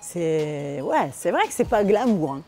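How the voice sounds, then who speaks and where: A woman's voice: lowish voice, big pitch swings, unhurried, music in the background. A woman hosting a show, chatty and playful as she questions a guest. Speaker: host. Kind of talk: casual interview.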